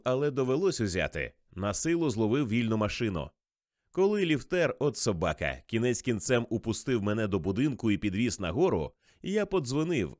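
Lively low-voiced male audiobook narrator. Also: no echo, studio quality. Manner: lively, conversational storytelling. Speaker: audiobook reader. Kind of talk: first-person novel narration.

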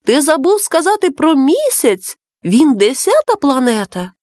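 A woman voicing a curious, excitable young male dove who keeps asking eager questions. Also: sits high, measured pace, no echo, studio quality. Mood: eager, wondering.

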